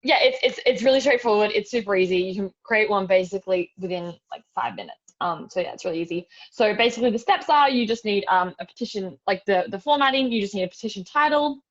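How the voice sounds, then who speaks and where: Talking fast with few pauses in an animated, medium-pitched voice, an Australian webinar presenter gives a casual, chatty demo, walking viewers through an online tutorial step by step and dropping "like" and "super" often. It's recorded over a video call, with dull lo-fi audio.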